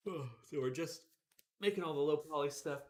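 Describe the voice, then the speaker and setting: A man casually chatting with viewers while he works on 3D models, relaxed and joking. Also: fairly high pitch, normal speed. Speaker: avatar artist streaming his work. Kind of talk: casual livestream chat.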